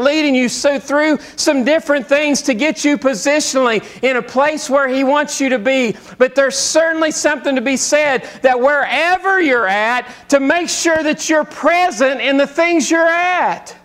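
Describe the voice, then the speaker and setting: A man in his forties preaching a sermon as pastor, rising loud and intense at times, then dropping into quiet, reflective talk. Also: very high voice. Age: 40s.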